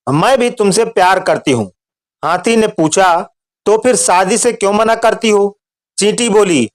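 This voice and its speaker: A man reading out a string of short jokes in a steady storytelling voice. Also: high voice.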